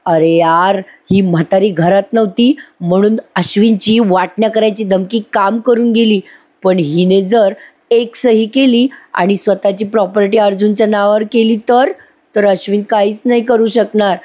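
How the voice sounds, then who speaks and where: A woman's voice: medium pitch, fairly even intonation, moderate pace, mellow, close to an everyday voice. A woman voicing a scheming young wife in a TV serial recap, whining and protesting in a raised voice.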